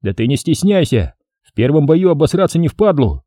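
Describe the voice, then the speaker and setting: A man voicing a cocky male riot-police fighter who talks in a gruff, mocking, swearing way. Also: a little high, big pitch swings, brisk, mellow, no room sound, studio quality, voice pushed up.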